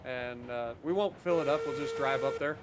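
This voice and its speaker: A man's voice: medium pitch, normal speed, a little hiss or hum. A man streaming a train game, chatting casually and swearing now and then. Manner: laid-back, swears casually. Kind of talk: casual gameplay chat.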